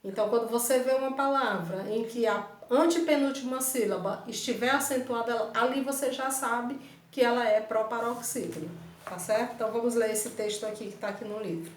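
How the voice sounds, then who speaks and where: A woman's voice: a little high, fairly quick. A Brazilian woman teaching primary school Portuguese online, giving patient step-by-step instructions with a Brazilian Portuguese accent. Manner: patient, repeats steps with "tá certo?". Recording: echoey room, mic far off.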